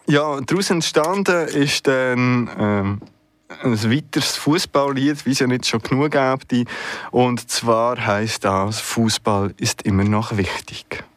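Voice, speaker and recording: A man presenting a music radio show in a relaxed, chatty way, with hesitant fillers and self-corrections. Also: medium pitch, takes it slowly, no echo. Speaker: radio host.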